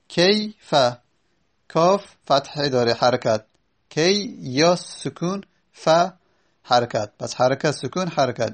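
A man lecturing in a slightly high, gravelly voice. He walks through his examples slowly, letter by letter, with patient pauses and fillers. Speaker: teacher of Arabic prosody. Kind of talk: spoken lecture.

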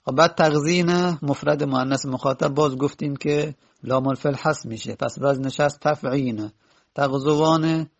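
Guy teaching grammar, gravelly voice, kinda dull lo-fi sound, says forms over slowly. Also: mid-range voice. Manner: repeats word forms slowly, corrects himself. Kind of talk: spoken grammar lesson.

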